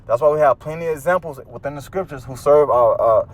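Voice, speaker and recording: A man's voice: medium pitch, fast talker. A man leading a casual bible discussion, emphatic and preachy, mixing in street slang. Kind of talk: casual bible study chat.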